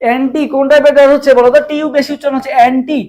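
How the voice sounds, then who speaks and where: Fast-talking young Bangladeshi male tutor. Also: very high-pitched, little pitch movement, darkish tone. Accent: Bangladeshi Bengali. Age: young adult. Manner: fast, repetitive quizzing of viewers, drills answers with memory tricks. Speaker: admission exam tutor. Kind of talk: live online exam-prep lesson.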